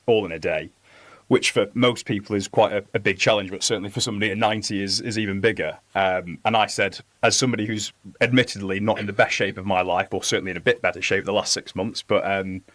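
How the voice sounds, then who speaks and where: A young man speaking earnestly as a podcast guest, halting with fillers. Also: fairly low pitch, fairly even intonation, fairly bright tone, no room sound. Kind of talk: casual interview talk.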